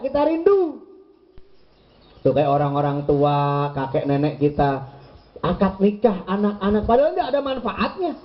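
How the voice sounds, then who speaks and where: Man preacher, high and swooping voice, playful and teasing; muffled lo-fi recording. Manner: playful, teasing, acts out voices of husbands and wives. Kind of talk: lively sermon to a women's gathering.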